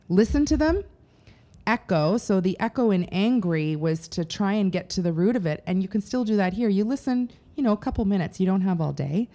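A middle-aged woman co-hosting a casual advice chat, animated and acting out quoted lines. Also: on the low side. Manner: animated, acts out quoted speech. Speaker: podcast co-host.

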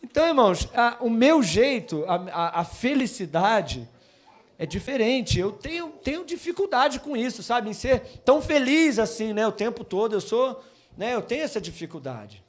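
A young man preaching a Christmas sermon in a church, moving from chatty personal stories to loud, emphatic preaching to the congregation. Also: extremely high pitch, big pitch swings, moderate pace. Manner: addresses congregation as brothers. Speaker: pastor.

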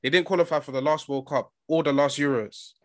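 A man's voice: fairly high pitch, a little fast, no room sound, clean studio sound. A young adult man with a London roadman accent, chatting about football in casual street slang as a podcast co-host. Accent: London, urban slang-heavy.

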